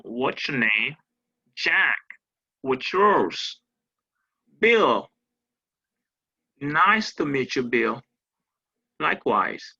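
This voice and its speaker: A man teaching an English pronunciation lesson, repeating phrases slowly so the listener can echo them, with encouraging asides. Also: medium pitch, vocal fry, bright, forceful tone, dull audio. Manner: encouraging, coaxing.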